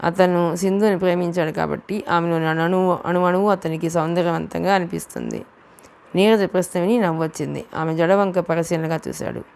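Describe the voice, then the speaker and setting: Female audiobook narrator, steady storytelling read, low and gravelly. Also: brisk. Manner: steady storytelling, voicing the dialogue too. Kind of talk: reading a novel aloud.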